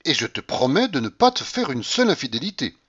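A teasing, coaxing young coquette, as a male audiobook reader puts her on exclaims in a raised voice with lively swings of pitch. She wheedles and flatters, dropping low only for effect. The recording sounds dull and lo-fi. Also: fairly quick, breathy edge, full character voice. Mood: cajoling.

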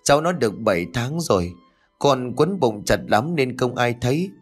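A man's voice: mid-range voice, lively intonation, moderate pace, breathy edge, faint music behind. A man voicing a frightened young peasant woman who begs through sobs. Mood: tearful. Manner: sobbing, begging.

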